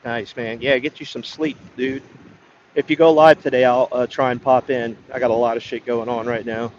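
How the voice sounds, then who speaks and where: A man's voice: medium pitch, flat delivery, moderate pace, highs cut off, a little hiss or hum. A man chatting casually to his livestream viewers, rambling and swearing, with hesitant restarts. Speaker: livestreamer greeting chat.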